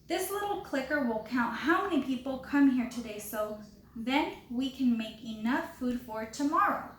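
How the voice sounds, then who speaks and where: Lady reading as a friendly soup kitchen uncle, gentle and joking, bit high, echoey room. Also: expressive, normal speed. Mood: reassuring. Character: kindly middle-aged male soup kitchen worker. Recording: roomy with faint background hiss.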